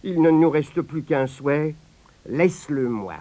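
A man's voice: on the high side, a little slow, warm tone, dry recording. A man doing a plaintive peasant husband. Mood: wailing. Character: poor peasant husband, cautious, easily upset.

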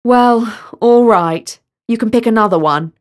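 A woman's voice: fairly high pitch, animated, drawn-out words, exaggerated voice. A woman reading a story aloud and voicing a kindly young man who teases his guests. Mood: teasing. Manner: kind, teasing. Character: genial young man, kindly party host and card trickster.

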